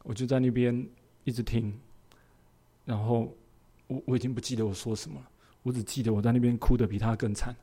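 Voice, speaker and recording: A male pastor preaches, weaving a personal story into his sermon. He speaks earnestly and expressively, at a middle pitch. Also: level tone, brisk, long pauses, dark tone, slightly rough.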